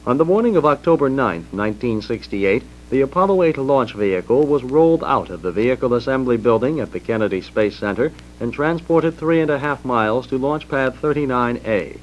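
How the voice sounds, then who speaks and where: A man's voice: mid-range voice, expressive, a little hiss or hum. Formal American male narrator, dull vintage recording. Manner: formal, measured announcing. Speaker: documentary narrator. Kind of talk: scripted historical narration.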